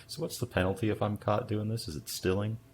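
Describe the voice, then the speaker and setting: A man with a very low voice talks casually as a player in a tabletop game. He thinks his moves through aloud, with faint noise behind him. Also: steady tone, fast talker, darkish tone.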